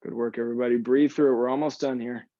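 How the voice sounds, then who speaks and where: A man's voice: medium pitch, steady tone, quick pace, dark tone, no room sound, lo-fi sound. A man coaching a live workout class, cueing moves and encouraging the group while breathing with exertion. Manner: encouraging, repeats short praise to the group. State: exertion, audible sighing breaths. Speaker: fitness instructor.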